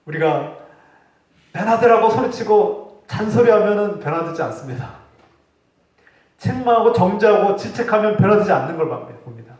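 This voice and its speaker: A man's voice: high voice, animated, normal speed. Brief: earnest male pastor delivering a sermon, rising and falling in emphasis, captured from a distant mic in a big echoey church. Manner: earnest preaching, voice rising for acted rebukes, dropping for quiet points. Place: church sanctuary.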